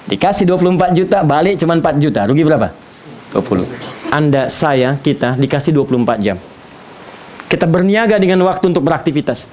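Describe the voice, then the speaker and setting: Animated preacher with a high voice. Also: male voice, brisk. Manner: animated, playful imitations of foreign speakers. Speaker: Islamic preacher. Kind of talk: lively sermon lecture. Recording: faint hiss.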